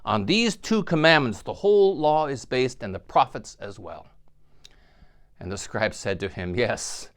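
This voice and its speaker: Male priest, reflective homily, storytelling with a very lively, swinging pitch. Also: measured pace. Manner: animated storytelling, acts out quotes.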